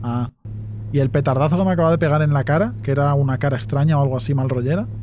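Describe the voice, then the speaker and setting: A man's voice: a little high, racing, darkish tone, slight background noise. A man with a Spain Spanish accent giving let's play commentary on a horror game, jumpy, swearing often and talking to himself. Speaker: gaming YouTuber.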